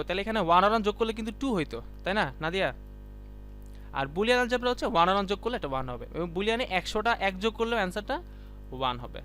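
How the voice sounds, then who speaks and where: A high-pitched man with a bright, sharp tone teaching a live class. He talks casually and keeps calling on students to answer. Soft music plays faintly behind him. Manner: chatty, quizzes students by name; colloquial, keeps saying "done" and "see". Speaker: ICT teacher.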